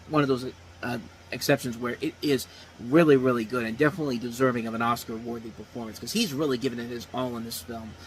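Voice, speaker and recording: Speaking at a medium pitch, a thirties-aged reviewer loosely discusses films with no script, wandering, starting over, and repeating lines. The recording is rough, and a faint hiss sits in the background.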